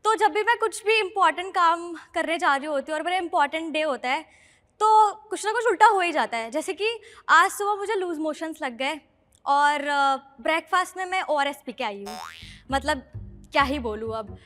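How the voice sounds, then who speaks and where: A woman's voice: high-pitched, lively intonation, moderate pace, a bit bright, long reverb tail, soft background music. A woman doing a nervous, rambling, flirty stand-up set on a comedy show stage.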